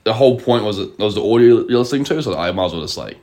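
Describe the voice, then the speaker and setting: A young man co-hosting a podcast in casual chat, animated and laughing often as he slips into playful voices. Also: lowish voice, rapid-fire. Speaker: podcast co-host.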